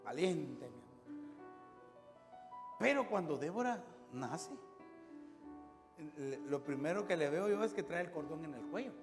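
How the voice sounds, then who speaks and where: Male pastor, high voice, storytelling sermon, reverberant room with music behind. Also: unhurried, pauses often. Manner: storytelling, conversational, lively rises and drops.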